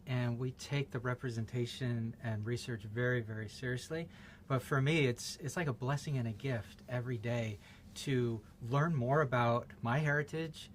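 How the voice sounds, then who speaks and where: A man's voice: mid-range voice, fairly bright tone, a little hiss or hum. A man film director answering interview questions earnestly and proudly, with small restarts.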